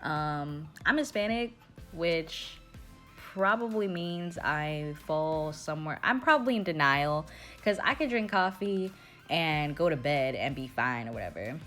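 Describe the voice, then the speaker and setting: A woman's voice: sits low, animated, measured pace, a bit bright, soft background music. A young woman narrating a casual vlog as a barista, chatty and slangy, often joking about herself. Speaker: barista vlogger.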